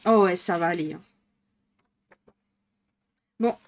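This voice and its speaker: A woman's voice: on the low side, slow, slight background noise. A woman with a northern French accent streaming live, chatting casually and thinking aloud as she colours, laughing often. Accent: northern French (ch'ti).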